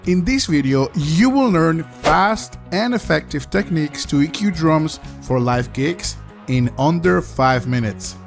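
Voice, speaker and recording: Gravelly man narrating a sound tutorial. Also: fairly high pitch, lively intonation, a little slow, few pauses, over loud music. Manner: upbeat, direct, talks to the viewer. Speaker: live sound engineer teaching mixing.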